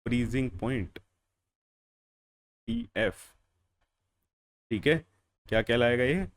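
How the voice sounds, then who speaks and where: Animated but taking it slowly, a young adult man with a medium-pitched voice teaches chemistry to a class. He poses questions and answers them himself, repeats the key phrases, and calls students "beta" and "bhaiya".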